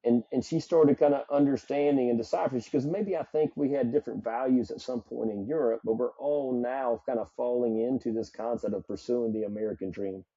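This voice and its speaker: A middle-aged Southern man from South Carolina talks earnestly about life as a psychology coach on a podcast. His voice is very dark and mellow, a little husky, in a dry, somewhat dull recording. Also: medium pitch, fairly even intonation, brisk, hardly any pauses, no room sound. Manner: earnest, reflective, motivational. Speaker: psychologist and performance coach guest. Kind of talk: podcast interview.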